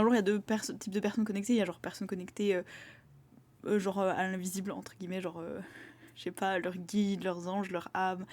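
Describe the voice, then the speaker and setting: Fast-talking young woman, rambling casually. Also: mid-range voice, warm tone. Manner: rambling, filler-heavy, acts out quoted voices. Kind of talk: casual spoken monologue.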